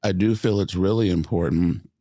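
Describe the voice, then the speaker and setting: A man hosting a podcast, talking in a measured, reflective way and using academic terms. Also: low-pitched, dark tone, no room sound, clean studio sound. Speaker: podcast host. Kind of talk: conversational interview.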